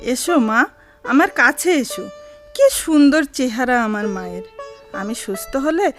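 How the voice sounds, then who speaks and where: High-voiced loving mother, old radio show. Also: expressive, measured pace, faint music behind. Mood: tender. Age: middle-aged. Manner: emotive, sentimental old radio show delivery. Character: loving, long-suffering middle-aged mother. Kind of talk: radio drama acting.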